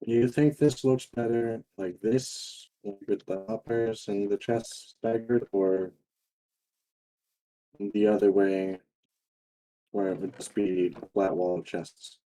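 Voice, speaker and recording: A man's voice: lowish voice, fairly even intonation, slow pace, warm tone, low-quality recording. A man chatting casually while playing a game with a friend, laid-back and asking for opinions on what he builds. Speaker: fellow player. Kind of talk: casual gaming chat.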